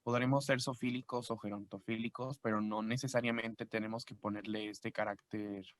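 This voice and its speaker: Flat-voiced male student answering. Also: fairly low pitch, normal speed. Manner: hesitant, with fillers. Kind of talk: answering in class.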